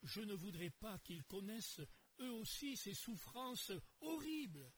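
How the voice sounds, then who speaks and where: Guy doing a rich man in torment, high anguished begging voice, swings all over, drawn out slow. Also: very animated, breathy edge, heavily acted. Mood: desperate pleading. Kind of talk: dramatized Bible story reading.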